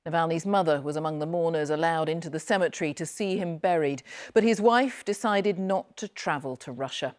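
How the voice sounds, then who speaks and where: A woman's voice: sits low, a little fast, hardly any pauses. A woman reading a scripted news introduction as a presenter.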